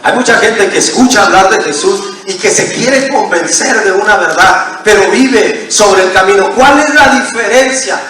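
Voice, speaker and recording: High-voiced pastor preaching in an echoey church. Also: male voice, expressive, moderate pace, hardly any pauses, sharp tone. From Mexico. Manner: emphatic preaching with call-and-response to the congregation. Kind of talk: sermon. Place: church sanctuary. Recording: echoey church hall from far off.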